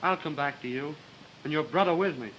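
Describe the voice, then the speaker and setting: An actor playing a breezy, confident young man with a brisk, reassuring delivery on an early talkie film soundtrack. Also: fairly high pitch, fairly bright tone, highs cut off, slight background noise. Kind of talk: 1930s film acting.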